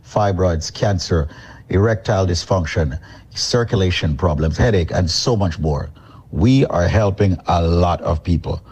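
A man from Jamaica, a company chairman, delivering an energetic on-air sales pitch. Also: slightly rough.

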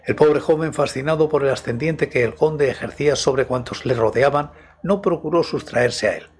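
A man reading a classic novel aloud as an audiobook narrator, in a steady, even delivery. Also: medium pitch, moderate pace. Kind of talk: scripted literary narration.

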